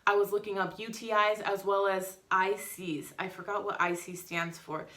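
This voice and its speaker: A woman's voice: medium pitch, normal speed. Frank woman telling a story. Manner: frank and outspoken, swears freely; animated, acts out quotes. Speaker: family vlogger. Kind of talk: casual storytelling vlog.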